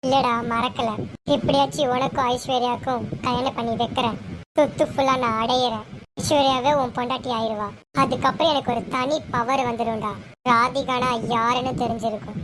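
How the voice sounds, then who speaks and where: A woman's voice: a little high, fairly even intonation, brisk, noisy background, pitched below the performer's own voice, lightly acted. Radhika, a woman playing a gloating, scheming mother-in-law. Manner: gloating, threatening. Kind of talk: amateur serial drama.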